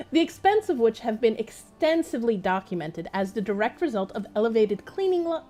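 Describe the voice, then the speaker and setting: Her voice runs on the high side as she streams a video game, chatting wryly and expressively and reading in-game text out loud. Game music plays underneath.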